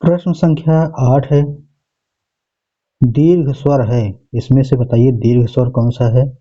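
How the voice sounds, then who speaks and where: Male teacher, mid-pitched, methodical exam walkthrough, lo-fi recording. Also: fairly even intonation, measured pace, mellow. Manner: methodical, reads out each option, repeats "okay" often. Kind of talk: exam paper walkthrough lesson.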